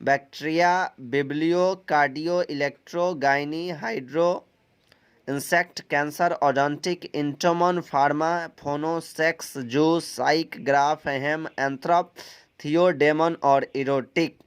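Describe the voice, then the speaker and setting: High smooth-voiced man teaching. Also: fairly even intonation, slow pace. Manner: plain instructive tone, repeats steps, some filler sounds. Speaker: English teacher. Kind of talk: recorded vocabulary lesson.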